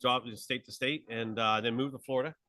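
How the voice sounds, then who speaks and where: A man's voice: medium pitch, fairly even intonation, fairly quick, sharp tone, dry recording, poor audio. A man from Pittsburgh, the conference chair, chatting in a live interview with an upbeat, enthusiastic, rambling manner. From Pittsburgh, USA. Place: conference hall table.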